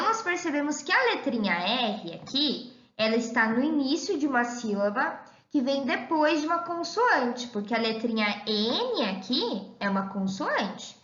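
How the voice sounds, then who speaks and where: A woman teacher giving an online lesson to young children, talking in a slow sing-song way and calling herself "the teacher.". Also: on the high side, a bit bright. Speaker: primary school teacher. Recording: echoey room, dull lo-fi sound.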